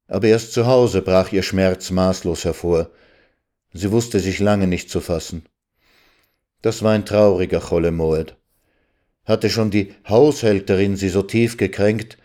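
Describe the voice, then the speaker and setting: Male reader, low mellow voice, calm measured literary narration. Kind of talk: literary reading.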